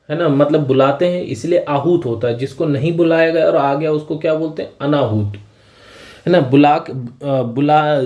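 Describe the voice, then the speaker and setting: Man, exam-prep teacher, warm and mellow, patient, keeps checking in with the class. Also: mid-range voice. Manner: explains patiently, often adds a tag question to check understanding. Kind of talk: exam-prep vocabulary lesson.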